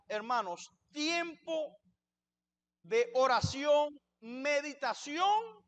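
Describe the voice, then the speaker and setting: Male pastor, very high voice, preaching a sermon in church, asks questions and answers them himself. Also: a bit bright.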